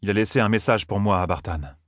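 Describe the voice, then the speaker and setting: A man's voice: fairly low pitch, fast, a bit bright, no echo, clean studio sound, close to an everyday voice. A man voicing a resolute young hero who speaks with determined, earnest delivery, in a fantasy audiobook.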